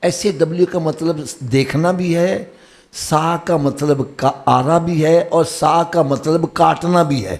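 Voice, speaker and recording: High-voiced Pakistani preacher, fiery sermon. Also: male voice, steady tone. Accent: Pakistani Punjabi. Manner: swings from low explaining to high shouted exhortation. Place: live religious gathering.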